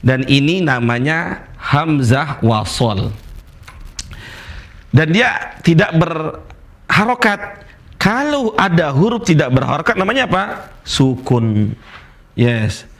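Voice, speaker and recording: Male recitation teacher, unhurried and a touch high-pitched, repeats each example and quizzes the class. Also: big pitch swings, fairly bright tone. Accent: Indonesian. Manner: patient, repeats examples and asks the class questions. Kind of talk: tajwid lesson with recited examples.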